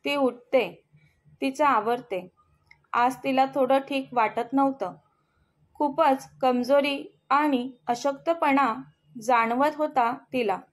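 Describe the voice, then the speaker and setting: A woman reading a serialized family story aloud, speaking every character's lines herself. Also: sits high. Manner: reads slowly, voicing the family's lines herself. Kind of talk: scripted story narration.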